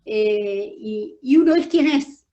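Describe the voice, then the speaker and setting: An older woman with a Rioplatense Spanish accent, a guest telling her personal story in an interview from her office, emphatic and animated, restarting phrases as she goes. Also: medium pitch, slow pace, dull audio.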